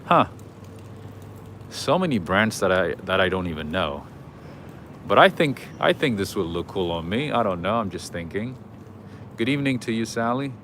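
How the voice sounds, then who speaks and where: A man's voice: on the low side, very animated, moderate pace, pauses often, fairly bright tone. Man, live walking-tour host, chatty, greets viewers, city street, faint traffic hum. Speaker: livestream host.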